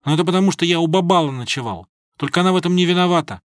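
A man's voice: high voice, racing, dry recording, clean studio sound, pitched above the performer's own voice, close to an everyday voice. A man voicing a naive, earnest young male student who pleads and blurts out whatever he thinks, in an audiobook.

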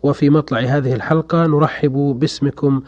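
A man presenting a radio programme in formal standard Arabic, reading scripted greetings and listeners' letters in a measured way. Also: mid-range voice, steady tone, darkish tone. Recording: dull, lo-fi radio recording.

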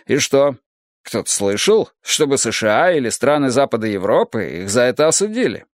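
A stern Soviet functionary, as a male narrator puts him on, laying out an argument point by point in formal, measured phrases. His pitch rises and falls with lively emphasis, in a dry, close recording. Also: no echo. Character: middle-aged male Soviet official giving a firm policy speech. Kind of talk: audiobook reading.

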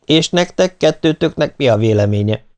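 A man's voice: on the high side, animated, voice pushed up, natural voice. A man reading an audiobook, voicing a middle-aged businessman who gives curt, authoritative orders. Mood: deliberate. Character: middle-aged American businessman, commanding leader.

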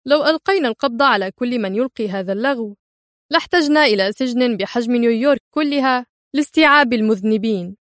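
A woman's voice: a little high, lively intonation, quick pace, fairly bright tone, no room sound. Woman voicing a skeptical police inspector. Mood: wary. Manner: dry, doubtful.

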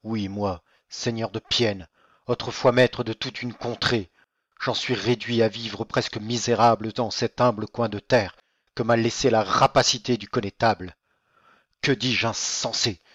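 Rôle : un homme jouant un vieux noble déchu, père accablé, déclamatoire ; prise sèche, un peu étouffée. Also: male voice, lowish voice, steady tone, measured pace, a bit bright, no echo, muffled recording, pitched below the performer's own voice. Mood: bitter. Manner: declamatory, grieving. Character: old ruined nobleman, proud, despairing father. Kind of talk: audiobook reading.

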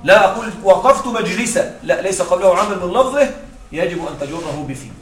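Over soft background music, a man with a high voice and lively intonation moves quickly through an Arabic grammar lesson, using examples to explain rules and making sure his students follow. The recording has an echoey room sound and faint noise.

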